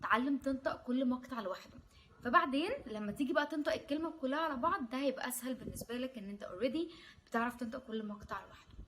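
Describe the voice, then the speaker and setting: A woman with an Egyptian Arabic accent teaching a vocabulary lesson as an English teacher, repeating each word slowly three times and breaking words into syllables. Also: sits high, animated, a bit bright, slight background noise.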